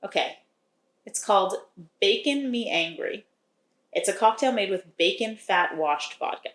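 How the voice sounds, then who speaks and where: A woman's voice: medium pitch, expressive, measured pace, fairly bright tone, echoey room. Wry, chatty woman recapping a book. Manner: chatty, wry, laughs often. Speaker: podcast co-host recapping a book. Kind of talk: casual chat.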